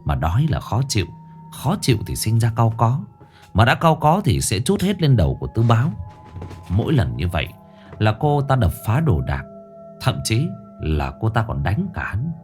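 A male storyteller narrates a horror tale in a low voice. His delivery is animated and dramatic, with a wide, swinging pitch. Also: moderate pace, soft background music. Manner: lively, dramatic reading.

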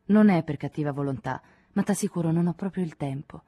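A woman's voice: low voice, a little fast, dark tone, husky, no room sound. Woman reading as a weary, amused male journalist. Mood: mild. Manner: mild, good-humoured.

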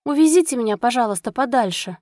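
A woman's voice: on the high side, normal speed, a little mellow, no echo, studio quality, lightly acted. A woman voicing a timid, polite young orphan boy who apologizes and pleads eagerly. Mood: pleading.

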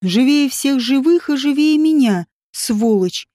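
A woman reader voicing a brooding middle-aged husband with a low, heavy, sardonic delivery. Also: animated, a little slow, mellow, no echo, studio quality. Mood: bitter, mocking.

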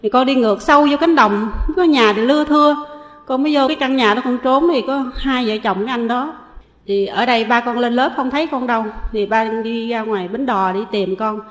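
A middle-aged woman with a southern Vietnamese accent, earnestly confessing her past in a halting way with frequent pauses. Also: on the high side, in a large hall. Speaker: testifying lay Buddhist. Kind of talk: personal confession.

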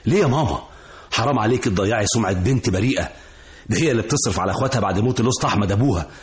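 A man's voice: lowish voice, lively intonation, very fast, lightly acted. A man playing an earnest young Egyptian son. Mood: reproachful. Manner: reproachful, earnest. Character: young man defying his mother. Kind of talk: radio drama acting.

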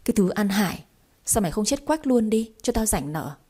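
A woman voicing a cruel, abusive father in an audio story, speaking harshly and insultingly in a lowered voice. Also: sing-song, brisk, warm tone, husky. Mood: harsh scolding.

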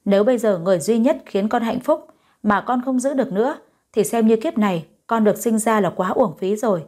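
A woman's voice: a little high, fairly quick, warm tone, natural voice. A woman voicing a stubborn, emotional young woman in an audio story, speaking in a pleading way. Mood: defiant.

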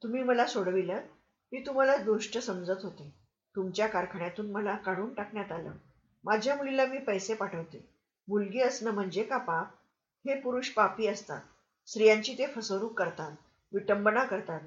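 A woman's voice: medium pitch, expressive, moderate pace, close to an everyday voice. A poor mother, feverish and desperate, pleads and reproaches in a storybook reading, as a woman puts her on. Her voice sits mid-range. The recording sounds roomy and a little dull. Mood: reproachful.

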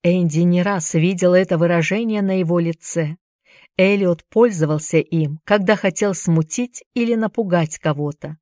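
A woman narrating a novel in a steady, measured storytelling manner. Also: fairly low pitch, no room sound. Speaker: audiobook narrator. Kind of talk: scripted narration. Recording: dry close studio sound.

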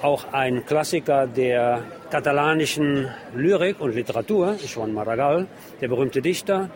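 Speaking at an ordinary speed with a medium-pitched voice, a male radio reporter delivers an unscripted report from among the book stalls of a busy city street outdoors. He reads titles aloud and describes his surroundings. The noise of a bustling street crowd runs behind him.

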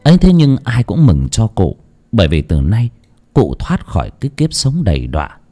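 Expressive male audiobook narrator. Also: on the low side, moderate pace. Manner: expressive, dramatic. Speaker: storyteller.

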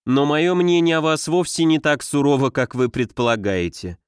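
A man's voice: on the high side, normal speed, clear, resonant tone, no echo, lightly acted. Pleading young lady in an audiobook, read by a man, dry close sound. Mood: cool reproachful. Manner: pleading, agitated.

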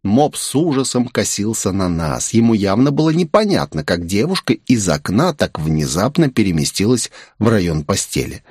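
A man narrating a first-person audiobook in a wry, expressive storytelling manner. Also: fairly low pitch, moderate pace, few pauses, slightly rough, dry recording, clean studio sound.

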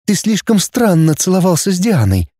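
A man's voice: high-pitched, lively intonation, a little fast, warm tone, no room sound, studio quality, voice pushed up. A man voicing a tense, cool young woman. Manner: clipped and cool.

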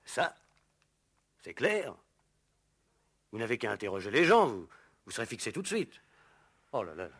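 An actor in an old French radio show playing a resentful, gossipy household servant who is hesitant, evasive and insinuating under questioning. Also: male voice, medium pitch, sing-song, moderate pace, long pauses, a bit bright, slightly rough, exaggerated voice. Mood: insistent, aggrieved.

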